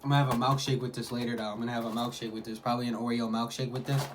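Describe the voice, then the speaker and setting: A man's voice: medium pitch, level tone, rapid-fire. A man talking casually in a food vlog, hyping things up in repetitive slang. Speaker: mukbang vlogger. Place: at home. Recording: clearly noisy home recording.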